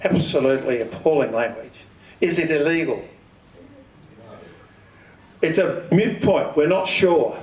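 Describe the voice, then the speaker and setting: Speaking unhurriedly with long pauses, this Australian amateur radio club presenter has a somewhat high, mellow voice and lively intonation. His informal, plain-spoken instructional talk in a community hall features questions he answers himself, picked up by a distant mic amid room echo.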